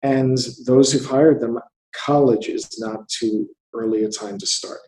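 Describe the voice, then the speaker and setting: A man's voice: mid-range voice, steady tone, unhurried, dark tone, echoey room, poor audio. A man in his fifties from the United States, a theatre investor speaking as an interview guest, thinking aloud and often repeating words. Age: 50s. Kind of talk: conversational interview.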